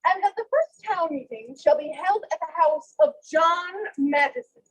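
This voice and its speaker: A woman's voice: very high-pitched, lively intonation, highs cut off. A woman playing a town crier from the 1820s, proclaiming a legal act in a formal, ceremonial, declamatory manner. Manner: declamatory, ceremonial, drawn-out phrasing. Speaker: town crier in a historical reenactment.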